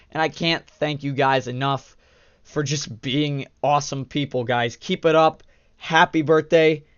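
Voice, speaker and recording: A young gaming channel host gives casual let's-play commentary, upbeat and chatty with lots of fillers and shout-outs, sounding stuffed up from allergies. His voice is mid-range, and the lo-fi recording has no room sound.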